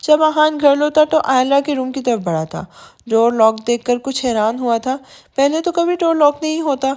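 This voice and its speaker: A woman narrating a romance novel as an audiobook, reading softly and evenly. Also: high-pitched, expressive.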